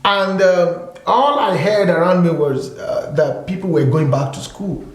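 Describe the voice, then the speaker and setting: A man's voice: high-pitched, measured pace. A man talking as a guest in a casual discussion, emphatic, repeating his points, with lots of fillers. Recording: echoey room.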